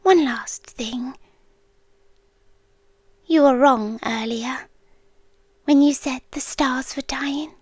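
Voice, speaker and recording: In an ASMR roleplay, a British woman fully voices an ancient female apocalypse entity, tender, melancholy, and lovelorn, bidding a mournful farewell in a soft, breathy, high-pitched whisper. Her delivery is slow, hushed, and intimate, with pauses. A close microphone in a dry space leaves no echo.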